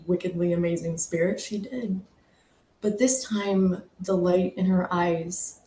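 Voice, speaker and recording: A middle-aged woman telling a heartfelt personal story, with pauses as she fights back tears. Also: on the low side, warm tone, echoey room, a little hiss or hum, rough recording. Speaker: speaker sharing a personal story.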